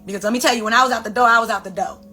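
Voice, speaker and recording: A woman's voice: on the high side, steady tone, very fast, bright, forceful tone, faint music behind. A woman hosting her own vlog, talking casually and expressively to viewers. She repeats phrases for emphasis and calls them "baby" and "you guys". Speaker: vlog host, wellness speaker. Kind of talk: casual motivational talk to camera.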